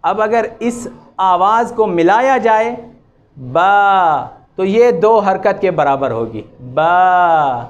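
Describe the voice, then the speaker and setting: Man, high voice, recitation teacher, repeats and stretches vowels, muffled lo-fi sound. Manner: draws out vowels and repeats examples slowly, then corrects. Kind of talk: slow, patient tajweed lesson with chanted examples.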